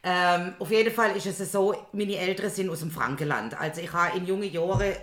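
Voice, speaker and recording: A woman's voice: on the low side, a little fast, a bit bright. Casual podcast co-host, woman, rambling anecdotal delivery, roomy sound. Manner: chatty, ends remarks with "oder?". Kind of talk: casual chat, telling anecdotes. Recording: roomy echo.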